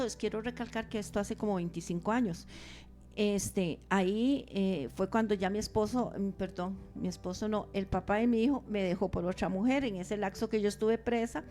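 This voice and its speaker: A woman's voice: medium pitch, a little mellow. Earnest woman giving a radio testimony. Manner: earnest, emphatic retelling with restarts.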